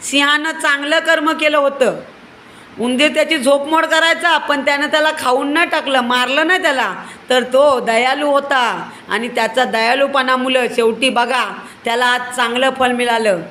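A woman's voice: high voice, steady tone, normal speed, sharp tone, a little hiss or hum, poor audio. A woman telling a children's moral story, often stopping to ask the listeners questions like a teacher.

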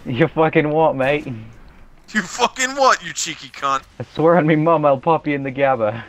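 A man's voice: high-pitched, huge pitch swings, takes it slowly, pushed and bright, pitched above the performer's own voice, exaggerated voice. A man putting on a cocky British-Aussie slang lout. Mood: mock aggressive. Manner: put-on British and Australian street slang. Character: cocky young British-Australian lout, mock-threatening slang.

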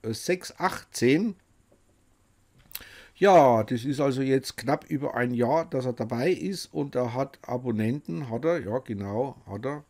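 Slow-talking man with a mellow voice. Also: medium pitch, expressive. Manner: jokey, talks to himself and the viewer. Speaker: host presenting another creator's channel. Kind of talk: casual chatty reaction commentary.

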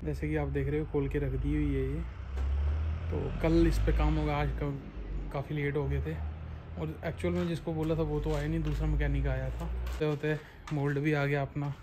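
Man, 30s, chatty factory-owner vlogger, slightly high voice, noisy handheld recording. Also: level tone, fairly quick. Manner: chatty, explaining things on the go. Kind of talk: casual vlog. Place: small tile factory and car.

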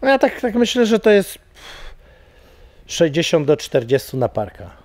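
A man's voice: fairly high pitch, big pitch swings, normal speed, darkish tone, no echo. A middle-aged man, an MMA coach, talking casually in an interview, rambling with many fillers and repeated words. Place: studio with banner backdrop.

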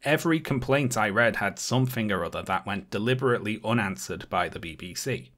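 A man with a fairly low voice talks through a scripted video essay. His tone is sarcastic and indignant, and he leans hard on key words as he makes his case. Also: lively intonation, brisk, a bit bright. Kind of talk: scripted commentary.

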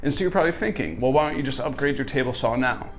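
A man's voice: mid-range voice, animated, very fast, soft background music. A young man in his twenties, host of a woodworking channel, giving a casual, friendly tour of his small garage workshop with a dry sense of humor, on a lapel mic. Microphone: wireless lapel mic.

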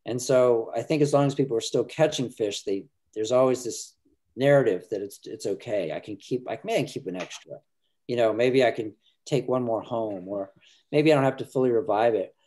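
Speaking from an indoor room at home, the middle-aged filmmaker guest has a medium-pitched, dark-toned voice. On this casual video call, captured by webcam, he talks earnestly but haltingly, often beginning his sentences again.

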